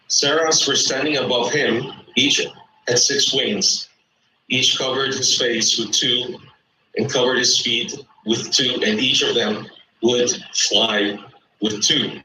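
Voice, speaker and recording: Dude on a debate call, really bright sharp tone, slow careful reading, stammers when pushed, echoey room. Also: male voice, mid-range voice, fairly even intonation, far from the mic, a little hiss or hum. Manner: hesitant, defensive, stumbling restarts. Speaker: guest in a debate.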